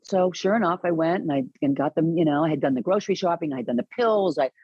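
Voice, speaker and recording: A woman guest on an interview podcast, telling a personal story in an earnest, animated way with many restarts. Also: on the low side, quick pace, slightly rough, no room sound, highs cut off. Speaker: podcast guest, caregiving advocate.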